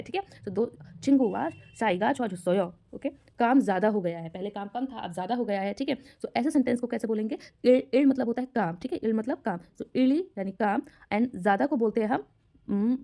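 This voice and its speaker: A woman's voice: mid-range voice, vocal fry, dark tone. A young woman teaching a Korean grammar lesson, patiently repeating each word and checking that the learner follows.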